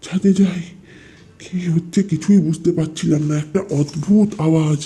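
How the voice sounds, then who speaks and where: A man tells a horror story in the first person, as the elder son of the family. His voice is high with a dark tone. He speaks urgently and keeps repeating words in alarm. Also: fairly even intonation, normal speed. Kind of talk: dramatized horror narration.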